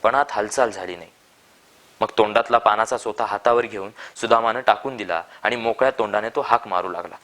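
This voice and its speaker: A man reading a short story aloud in calm, measured narration. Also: on the low side.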